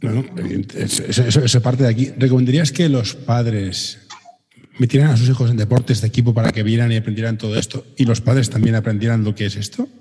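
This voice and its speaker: A man's voice: medium pitch, fairly even intonation, quick pace, dark tone, breathy edge, big-room sound. A man interviewing a guest, asking questions with brief friendly prompts.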